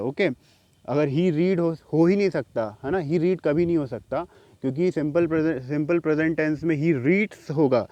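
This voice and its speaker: A man's voice: on the high side, darkish tone, no room sound. A man giving a casual grammar lesson who explains patiently and keeps checking that his students follow. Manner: explains patiently, repeats points, checks with "okay?". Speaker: English grammar teacher.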